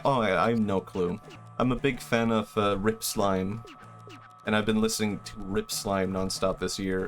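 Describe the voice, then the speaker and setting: This young man from Sweden, whose first language is Swedish, chats loosely during a gaming livestream, rambling and making self-deprecating laughs. His lowish voice carries a fairly bright tone.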